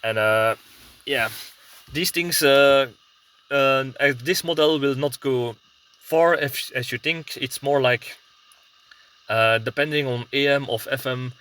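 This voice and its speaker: A prepper vlogger with a Belgian accent talks slowly from inside a parked car, pausing often as he hesitates and hunts for words. His mid-range voice is clean and fairly bright, and his rambling vlog style is casual.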